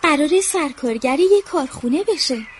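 A teasing older boy in a cartoon dub, played by a woman. His very high voice leaps around as he mocks his little brother. A faint hiss sits behind. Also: animated. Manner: teasing, mocking.

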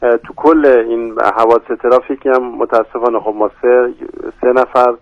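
A man's voice: medium pitch, level tone, no room sound. Yazdi-accented guy, emergency official, phoning into a radio show, lo-fi dry line, stops and restarts a lot. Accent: Yazdi Persian. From Yazd, Iran. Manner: hesitant, with many fillers and restarts. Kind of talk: phone-in radio interview.

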